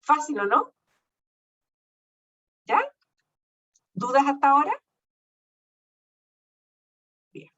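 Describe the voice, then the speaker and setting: A woman's voice: high-pitched, big pitch swings, extremely slow, long pauses, pushed and bright. A woman lecturing her class, reassuring and checking often that students follow. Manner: reassuring, checks understanding with frequent "¿ya?". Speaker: university teacher. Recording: dull lo-fi sound from a distant mic.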